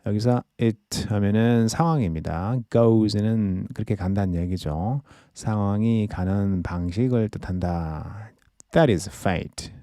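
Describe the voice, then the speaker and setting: A man teaching English idioms in a podcast lesson, explaining each phrase slowly and reading examples carefully. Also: lowish voice, mellow, no room sound, studio quality.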